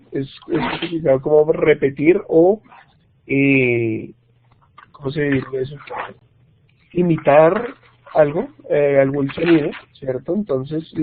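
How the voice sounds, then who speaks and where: Male teacher online, kinda high voice, explains slow and patient, mixes english examples in, sounds like a thin phone-ish video call. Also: a little hiss or hum. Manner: patient, checks in with "¿cierto?" and "¿listo?"; switches between Spanish explanation and English examples. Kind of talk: online grammar lesson. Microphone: computer mic on video call. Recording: tinny, dry video call audio.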